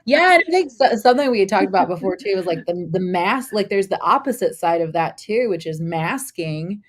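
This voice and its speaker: A woman's voice: medium pitch, expressive, brisk. A woman hosting an interview, talking in a casual, encouraging way with frequent "like". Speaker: host.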